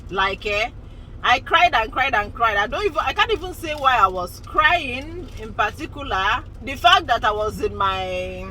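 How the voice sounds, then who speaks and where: Bright-voiced woman in her forties. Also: a little high, expressive, normal speed, a little hiss or hum, poor audio. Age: 40s. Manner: chatty, rambling, laughs often. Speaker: vlogger. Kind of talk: casual chat to camera.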